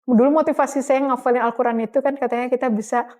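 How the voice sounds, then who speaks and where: Chatty middle-aged woman, higher voice. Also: steady tone, quick pace, dark tone. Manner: chatty, laughs often, many fillers. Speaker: guest sharing her conversion story. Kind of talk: casual conversational interview.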